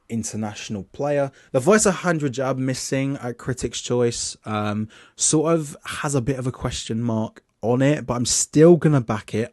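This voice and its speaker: A young man with a medium-pitched, darkish voice casually talks through his film award predictions, reading his list off notes in a chatty, loose way with plenty of restarts. The recording is dry and of studio quality.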